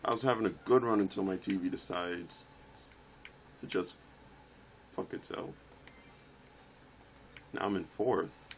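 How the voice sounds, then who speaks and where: Young guy playing a racing game, deep and gravelly, keeps swearing at the other racers, bit of background hiss. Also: moderate pace. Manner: swears and shouts in frustration at the game. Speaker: let's play gamer. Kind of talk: live gameplay commentary.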